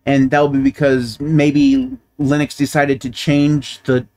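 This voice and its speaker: A man's voice: medium pitch, little pitch movement, takes it slowly, darkish tone. Guy in his 30s rambling through a tech explainer at his desk mic, easygoing, restarts a lot. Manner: conversational, repeats and restarts while thinking aloud. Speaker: tech channel host. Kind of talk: casual explainer monologue. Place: small home office. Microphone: desk microphone on boom arm.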